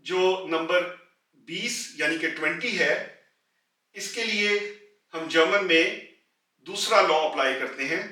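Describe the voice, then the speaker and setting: A man with an Urdu accent teaching a beginners' language lesson, slow and patient, saying each word twice. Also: high-pitched, pushed and bright. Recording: echoey room, heard from a distance.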